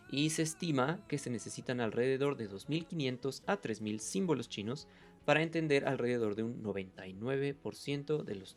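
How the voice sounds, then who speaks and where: A man hosting a video language lesson, his voice carrying a gravelly edge at a middle pitch. He builds each point slowly, says example sounds aloud and fills the gaps with hesitant "eh"s. Soft music plays quietly behind him. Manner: explains step by step, models sounds aloud, many "eh" fillers. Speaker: language teacher and video host.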